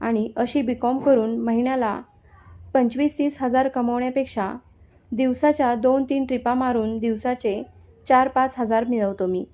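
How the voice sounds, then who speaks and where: A woman narrating a first-person story in a calm, steady reading voice. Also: a little high, moderate pace. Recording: dull lo-fi sound.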